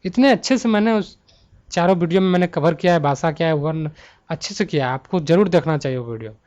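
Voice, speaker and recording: High-voiced male tutor, lo-fi recording. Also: darkish tone. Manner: talks students through multiple-choice answers; slows to spell out letter lists one by one. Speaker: Hindi grammar teacher. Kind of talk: online exam-prep lesson.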